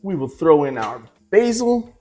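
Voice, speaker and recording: A man in his forties walks viewers through a recipe in his home kitchen, relaxed and chatty, often checking in with a quick "right?". His voice sits a little higher than most men's. Soft music plays faintly under the talk. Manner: easygoing, chatty, tosses in asides and "right?". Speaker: cooking show host. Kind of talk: relaxed cooking demonstration.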